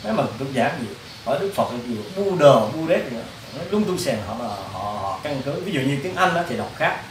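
A man's voice: mid-range voice, big pitch swings, quick pace, a bit bright. A man, a Buddhist monk, giving a casual, rambling dharma lecture to monastic students, often asking them questions. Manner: rambling, repetitive, addresses listeners directly with questions. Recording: roomy, distant mic, faint background hiss.

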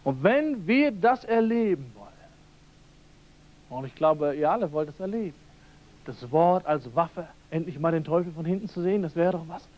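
A man's voice: a little high, lively intonation, normal speed, darkish tone. A man preaching a seminar sermon, emphatic and repeating key phrases while addressing his listeners directly. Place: church seminar hall. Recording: old radio-quality seminar tape.

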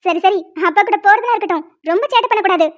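A woman voicing a young pregnant mother in a cartoon who scolds her daughter gently and teases. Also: very high-pitched, racing, lo-fi sound. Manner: teasing, scolding. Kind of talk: cartoon voice acting.

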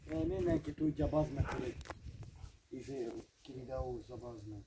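A man's voice: mid-range voice, wildly swooping pitch, gravelly, dark tone. A man joking and swearing off camera outdoors in a yard. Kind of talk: casual banter off camera. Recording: distant voice with noise.

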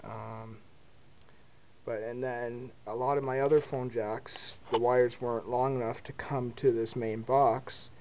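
Walking through his home phone wiring in an indoor basement, a hobbyist talks slowly in a mid-pitched, level voice, easygoing and plain with lots of ums and uhs. He's behind a handheld camera, off screen, and its mic records dull lo-fi sound with faint hiss.

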